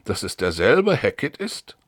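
A man reading the part of a calm, guarded police officer in an audiobook, measured in tone. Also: lowish voice, no echo, clean studio sound, exaggerated voice.

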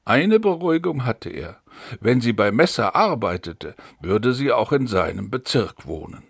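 Male audiobook narrator, lively intonation, dry close sound. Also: mid-range voice, a little slow, gravelly, slightly rough, dry recording. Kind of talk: scripted narration.

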